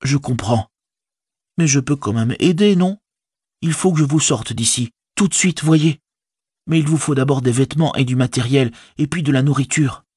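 A man's voice: medium pitch, normal speed, darkish tone, husky, dry recording, studio quality, pitched above the performer's own voice, close to an everyday voice. A man voicing a loyal, humble young hobbit servant in an audiobook, speaking in a folksy, deferential way in a raised voice. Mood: determined. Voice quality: folksy colloquial speech, deferential. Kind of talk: audiobook character voice.

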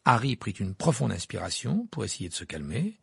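A man reading an audiobook in expressive scripted narration. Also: fairly low pitch, normal speed, vocal fry, breathy edge, dry recording, studio quality.

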